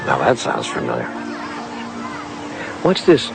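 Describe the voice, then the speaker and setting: A man's voice: sits low, wildly swooping pitch, slow pace, creaky, over music, full character voice. A man acting as a middle-aged or older grandfather, sceptical and baffled, with a wry questioning way, in a naturalistic film drama.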